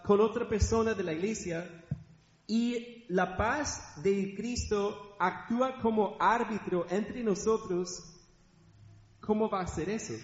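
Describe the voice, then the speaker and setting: A middle-aged man preaching a sermon in a church hall, asking the congregation rhetorical questions. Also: high voice. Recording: echoey hall, dull sound.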